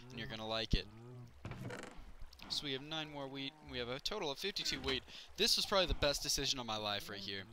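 Excitable young man narrating his gameplay. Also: medium pitch, noisy background. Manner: chatty, excitable, yelps when things go wrong. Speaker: gaming YouTuber. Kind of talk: Minecraft let's play commentary.

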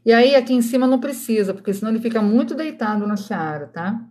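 A woman's voice: fairly high pitch, expressive, quick pace, warm tone. A woman in her thirties with a Brazilian accent, hosting a casual live stream from home at night and chatting with viewers while she crafts. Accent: Brazilian Portuguese. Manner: chatty, addresses viewers directly, keeps voice down for sleeping kids.

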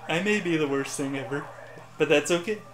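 A man's voice: on the high side, fairly quick, echoey room, a little hiss or hum. A man joking and mocking himself while playing a racing game in casual chat. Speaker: gameplay commentator.

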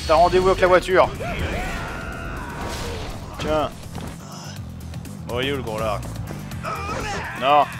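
A man's voice: on the high side, animated, slow pace, pauses often. A man giving casual commentary on a video game, ranting and swearing crudely as he plays. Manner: crude, foul-mouthed ranting. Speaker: let's play gamer. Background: game music.

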